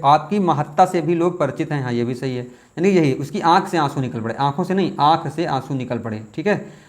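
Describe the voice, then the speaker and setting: A man teaching, working through exam questions aloud, repeating words slowly as he thinks aloud. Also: fairly high pitch. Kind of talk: test question walkthrough.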